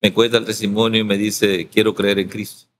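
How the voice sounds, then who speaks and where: A man's voice: fairly low pitch, level tone, fairly quick, a little hiss or hum. A man from El Salvador, a pastor, telling his story in an interview and acting out the quoted dialogue.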